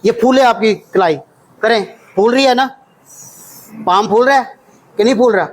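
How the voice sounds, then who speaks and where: A man's voice: extremely high pitch, moderate pace, poor audio. A man with a Pakistani Urdu accent teaching a hands-on CPR workshop, drilling counts aloud and quizzing his class. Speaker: CPR trainer. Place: training workshop room with children.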